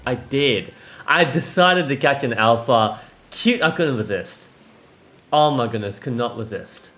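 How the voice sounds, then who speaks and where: Excitable male gaming host. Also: medium pitch. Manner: excitable, exclaims often, stumbles over words. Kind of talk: casual gameplay commentary.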